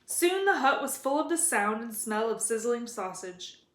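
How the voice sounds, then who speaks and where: Female storybook narrator, fairly high voice, read-aloud delivery with noticeable room echo. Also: very animated, normal speed. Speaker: reader of a children's novel. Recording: roomy echo.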